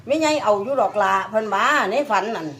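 A woman's voice: medium pitch, lively intonation, quick pace, crowd noise. An older woman with an Isan accent telling a dream in a rambling way, repeating her words. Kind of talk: casual storytelling. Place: outdoors among a group of reporters.

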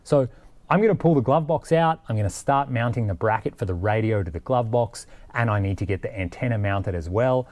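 Presenting a DIY vehicle install, a forty-something man speaks to the camera in a brisk, darkish, slightly low voice. He keeps it conversational, reasoning out loud as he explains each step.

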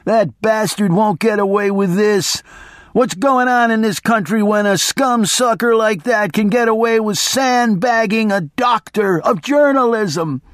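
A man voicing a reckless, wired male journalist who makes loud, brash declarations, in an audiobook reading. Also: high-pitched, measured pace, no echo, clean studio sound, voice pushed up.

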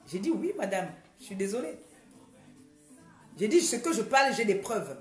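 A woman's voice: medium pitch, big pitch swings, normal speed, darkish tone, reverberant, soft background music. A woman speaking in a casual vlog monologue, emphatic and repetitive, often hesitating and restarting her sentences. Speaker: vlogger.

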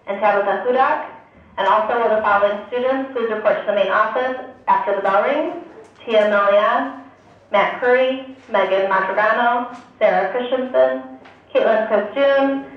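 Woman on a school PA loudspeaker, brisk announcements, muffled and echoey from across the room. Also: fairly high pitch, far from the mic. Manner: brisk reading of a name list. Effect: over a PA loudspeaker.

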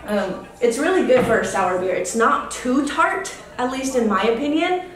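A woman's voice: sits high, lively intonation, normal speed. A woman in her thirties hosting a casual beer vlog at home, swearing freely and rambling. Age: 30s. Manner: profane and rambling, loud whoops. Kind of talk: casual chat. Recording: echoey room from far off.

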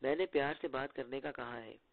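A stern young woman agent, as a male storybook reader voices her with short, scolding lines. The voice stays gravelly and low-key. The sound is tinny and phone-like. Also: fairly even intonation, a little fast, natural voice. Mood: curt.

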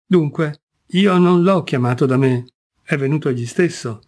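Brief: man reading a defensive, offended young woman from a classic story, indignant and quick. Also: fairly high pitch, darkish tone, natural voice. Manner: indignant, pleading, flustered.

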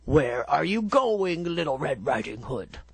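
Brief: woman putting on a sly storybook wolf, gravelly and husky, lively pitch, dry close sound. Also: no echo, heavily acted. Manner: slow, drawn-out, crafty delivery. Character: sly scheming male wolf, deceitful. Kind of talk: storybook read-aloud.

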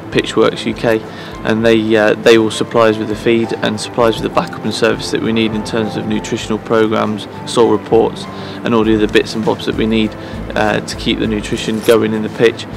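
Low flat gravelly guy in his 30s talking to camera outdoors by the pitch, music bed underneath. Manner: earnest, measured, with frequent fillers and restarts. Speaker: head groundsman. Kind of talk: promotional interview to camera. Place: outdoors at pitch side in an empty football stadium.

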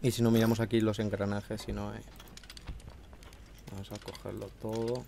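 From a room in his home, a man commentates gameplay while fighting a slight cold that has roughened his throat a bit. He chats casually and swears at normal speed, his low-leaning voice gravelly yet mellow with little pitch movement. Slight background noise is present.

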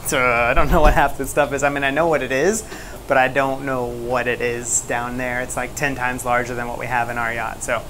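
A man's voice: medium pitch, flat delivery, normal speed. Give me a curious, chatty male vlog host in a cramped engine room with roaring machinery behind him. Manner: curious, laughing, asks many questions. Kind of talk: casual chat on a boat tour. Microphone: lapel. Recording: loud machinery noise behind.

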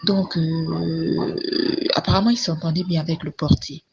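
A woman's voice: sits low, fairly even intonation, measured pace, creaky, a little mellow. A woman chatting casually through a long personal story, full of fillers and repeated words. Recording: dull lo-fi recording with faint noise.

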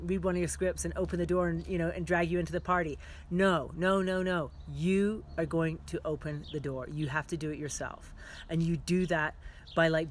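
A middle-aged woman filmmaker giving career advice straight to the viewer, frank and animated, full of "like" and "you know". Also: lowish voice. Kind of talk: casual direct-to-camera advice.

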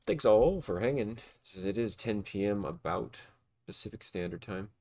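A man streaming a game, chatting casually to viewers in relaxed asides. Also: lowish voice, normal speed. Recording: loud game music behind.

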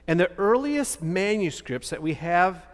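A man in his fifties preaches from a lectern in a large church, his voice high for a man. He poses rhetorical questions and answers them with animated emphasis. A long hall reverb trails each phrase. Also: a little slow. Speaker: pastor. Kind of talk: sermon.

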